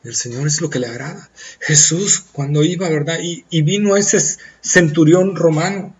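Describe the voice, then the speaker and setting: A high-voiced man preaches with a Latin American Spanish accent. He acts out pleading believers, his voice leaping to loud cries and then dropping to near hushed softness. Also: moderate pace, muffled recording. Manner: impassioned, swinging from loud pleading cries to soft hushed tones. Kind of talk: sermon.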